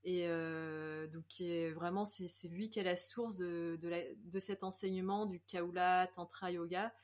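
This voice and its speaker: A woman's voice: on the low side, steady tone, unhurried. A woman who teaches yoga, a guest on a podcast, speaking reflectively and hesitantly, with frequent laughs. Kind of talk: podcast interview.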